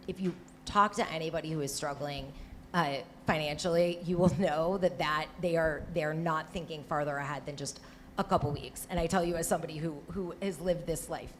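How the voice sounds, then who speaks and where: A former Senate staffer with a Michigan accent speaks on a live panel in a quite low voice. She's conversational, often restarts, and checks in with a quick "right?", while a faint hiss sits in the background.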